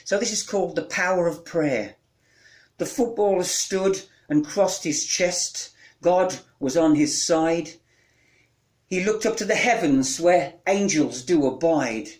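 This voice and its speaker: Man reading his own comic pieces, deadpan, slightly high voice. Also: a little slow. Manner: deadpan comic delivery, rattling off long lists. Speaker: spoken-word performer.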